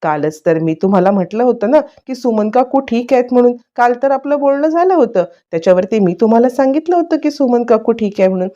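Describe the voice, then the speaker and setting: Brief: narrator voicing young woman, insistent and explanatory, slightly raised pitch, lo-fi sound. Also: expressive, fast talker, few pauses, mellow, natural voice.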